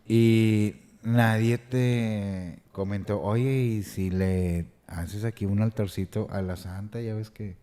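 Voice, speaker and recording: A woman's voice: rumbling low, steady tone, slow, hardly any pauses, warm tone. A woman hosting a podcast, asking short curious questions in a casual interview.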